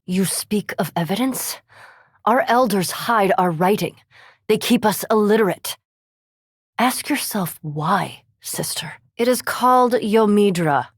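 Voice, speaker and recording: With formal, exact diction and dry, scornful sarcasm, an actress portrays a haughty, scholarly elf vampire for a fantasy video game. Her medium-pitched female voice is only lightly acted and has no room sound. She comes across cool and cutting.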